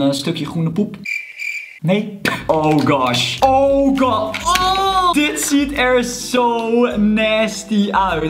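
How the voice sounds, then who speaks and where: A YouTuber unboxing a mystery box, animated and exclaiming loudly, with English words thrown in. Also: medium pitch. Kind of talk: excited unboxing vlog. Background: background music.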